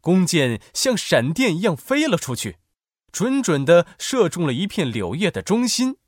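A man narrating a children's story in an expressive, animated way. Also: sits high, moderate pace, dry recording, studio quality.

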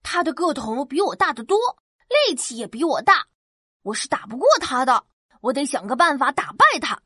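A woman's voice: sits high, lively intonation, moderate pace, a bit bright, husky, no room sound, studio quality, full character voice. A woman voicing a clever little farm boy in a children's story, cheeky and full of sly plans. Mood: plucky. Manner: cheeky, scheming.

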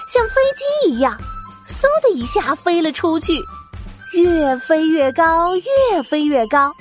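A woman narrating a children's story in an animated, sing-song way. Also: extremely high pitch, a little slow, soft background music.

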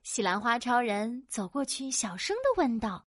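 A woman narrating a children's audio story in a playful, animated way with sound-effect words. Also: on the high side, normal speed, no echo, clean studio sound.

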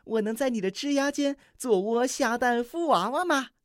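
A storybook reader voicing a cheerful little female finch in a high, coaxing voice. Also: lively intonation, moderate pace, no room sound, studio quality, lightly acted. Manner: chirpy, coaxing.

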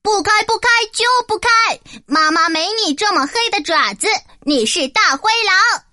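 Brief: woman voicing tiny storybook goat kids, very high, bright and chanting. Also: expressive, normal speed, dry recording, clean studio sound, heavily acted. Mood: defiant. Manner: chanting, emphatic. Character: chorus of small excited young goats. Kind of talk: storybook narration.

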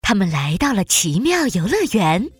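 A woman narrator reading a scripted children's story in an animated storytelling style. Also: medium pitch, normal speed, husky, no echo, studio quality, faint music behind.

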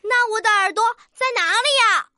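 Woman doing a squeaky excited little rooster. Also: moderate pace, dry recording, clean studio sound, heavily acted. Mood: tearful. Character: eager little male rooster chick, proud.

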